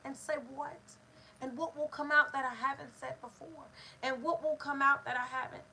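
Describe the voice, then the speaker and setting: A woman with a high, bright voice hosts a motivational talk, pressing her points with emphatic, repeated phrases. There is a faint hiss of background noise behind her. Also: fairly even intonation, moderate pace, rough recording. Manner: preachy, emphatic, repetitive call-and-response phrasing. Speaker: host of a manifestation talk. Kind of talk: motivational live-stream talk.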